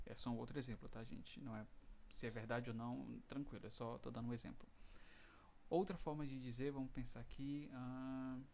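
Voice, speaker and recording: A man with a Brazilian Portuguese accent, teaching an English lesson online and reading the English examples out slowly. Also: medium pitch, steady tone, creaky, a little mellow, a little hiss or hum.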